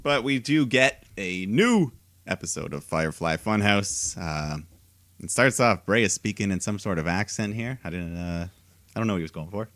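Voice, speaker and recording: A man's voice: on the low side, animated, moderate pace, a bit bright, no echo. A man co-hosting a podcast, recapping wrestling shows in a laid-back casual way and laughing often. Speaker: podcast co-host.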